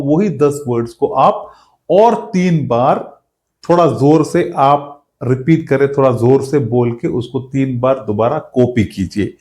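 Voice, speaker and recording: A man's voice: fairly high pitch, darkish tone. Man teaching spelling, spelling words out. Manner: explains slowly, spells words out letter by letter. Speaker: English teacher. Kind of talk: spoken lesson.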